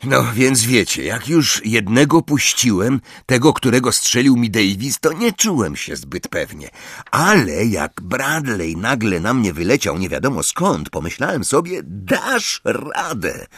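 An excitable, boastful teenage boy from an audiobook, as a man reads him. His voice sits a little above the reader's low register and swings about eagerly. The recording is dry and close. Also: measured pace, slightly rough, dry recording, full character voice. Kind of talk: audiobook character voice.

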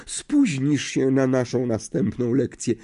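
A man's voice: warm tone, husky. A man voicing a dreamy, theatrical older female seer teacher in an audiobook, in a misty, quavering voice that drags out words melodramatically. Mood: languid. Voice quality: misty, quavering, swooping high voice. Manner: slow, melodramatic, drawn-out words. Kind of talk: audiobook character voice.

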